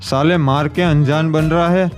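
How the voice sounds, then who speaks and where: A man's voice: a little high, fairly even intonation, unhurried, soft background music, lightly acted. A man voicing a menacing neighborhood gang boss who demands protection money in coarse, threatening talk.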